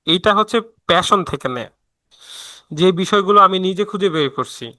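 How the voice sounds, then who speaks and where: A man teaches a live online class in a loose, chatty way, full of "ah" fillers and restarts. His voice is very bright and a touch high, recorded close and completely dry. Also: expressive, moderate pace, no room sound. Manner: chatty, answers viewer messages mid-lesson; frequent fillers and self-restarts. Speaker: online freelancing instructor.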